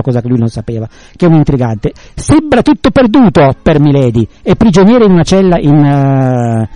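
A man's voice: a little high, mellow, no echo. A man in casual conversation retelling and explaining a classic novel, rambling with many restarts.

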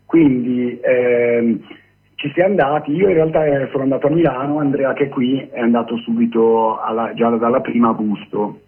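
A man speaking on speakerphone over a phone line as a guest activist in a radio interview, halting with many pauses and fillers. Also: medium pitch, fairly even intonation, breathy edge.

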